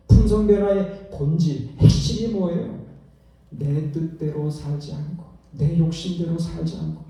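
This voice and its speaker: A man's voice: fairly high pitch, dark tone. A male pastor preaching a sermon in a church, asking the congregation rhetorical questions. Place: church sanctuary. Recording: echoey church hall, distant mic.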